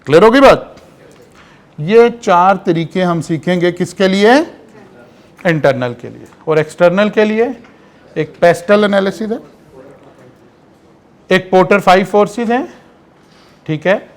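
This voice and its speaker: High-voiced male lecturer. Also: a little slow, pauses often. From Pakistan. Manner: explanatory, checks in with rhetorical questions. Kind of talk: online classroom lecture.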